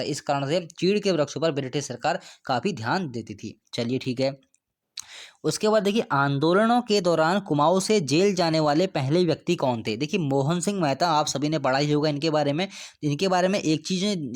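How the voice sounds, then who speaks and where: A male teacher with a voice pitched a little above the usual delivers an exam-prep lecture. He keeps asking rhetorical questions and answering them, and he goes over each important date twice so it sticks. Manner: explains step by step, repeats key dates, asks and answers his own questions.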